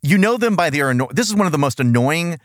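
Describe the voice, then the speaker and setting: Male podcast co-host: casual, exasperated, sweary, animated pitch, dry close sound. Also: fast talker, no echo. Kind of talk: casual comic review chat.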